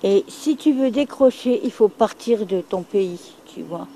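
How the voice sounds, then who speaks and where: A woman's voice: medium pitch, expressive, a little slow, dark tone, slight background noise, poor audio. A middle-aged woman from France speaking frankly and bluntly about her past, repeating herself for emphasis. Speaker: interviewee. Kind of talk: candid testimony.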